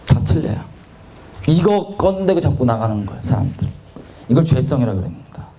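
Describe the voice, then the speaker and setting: A young man preaching a sermon, telling his own story in a confessional, animated way and acting out quotes. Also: medium pitch, normal speed.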